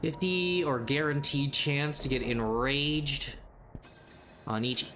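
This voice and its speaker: A man's voice: medium pitch, slow pace, bright, forceful tone, slight background noise. A man hosting a gaming video, thinking aloud in casual, hesitant commentary as he plays. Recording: game music behind the voice.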